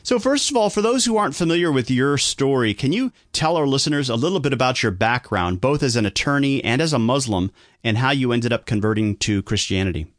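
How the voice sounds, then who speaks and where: A man's voice: mid-range voice, expressive, a little fast, no echo, studio quality. A man hosting a radio talk show, reading a polished introduction and asking interview questions. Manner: smooth, announcer-like delivery.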